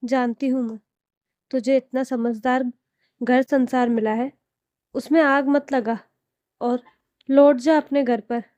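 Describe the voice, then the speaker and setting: A firm, wise middle-aged mother, read aloud by a woman. She speaks calmly and sternly in a high, unhurried voice with a dark, mellow tone and a dry sound. This is a storybook reading. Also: dry recording. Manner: calm, then stern.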